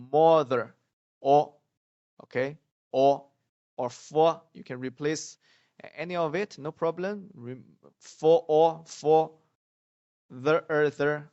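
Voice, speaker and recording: A man teaching beginners pronunciation, drilling sounds patiently and often saying example syllables loudly. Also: on the high side, steady tone, slow pace, long pauses, no echo. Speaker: Mandarin teacher. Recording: dull lo-fi dry sound.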